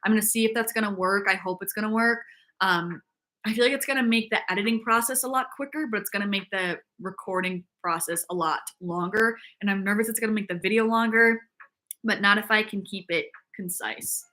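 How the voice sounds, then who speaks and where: On a casual fitness stream, a young woman talks fairly quickly in a bright, pushed, mid-range voice. Her chatter is upbeat, peppered with "like," as she reads viewers' comments aloud.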